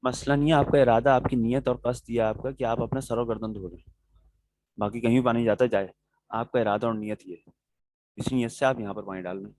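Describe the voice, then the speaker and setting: A male teacher leads a class on religious rulings at a patient, methodical pace, pausing to check that his students follow. His voice sits at an ordinary pitch. It is recorded dry and close, with no room echo. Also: steady tone, darkish tone. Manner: patient, explains step by step, checks in with "okay"; answers students' questions directly.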